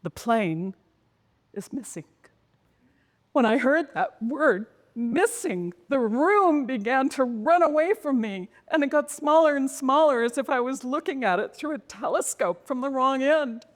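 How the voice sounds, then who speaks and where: A woman telling a dramatic personal story in a slow, intense way, sometimes sinking to a whisper. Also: high-pitched, lively intonation, in a large hall. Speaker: speaker.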